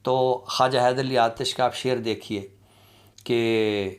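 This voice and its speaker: In a mid-range voice and flat delivery, a man with an Urdu accent lectures formally on literature. He is measured and deliberate, with frequent pauses and drawn-out fillers.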